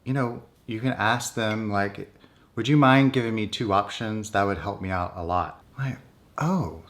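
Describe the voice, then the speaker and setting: A North American man talks candidly about his own life in a casual, conversational vlog. His voice is fairly low and a bit bright, at a normal speed.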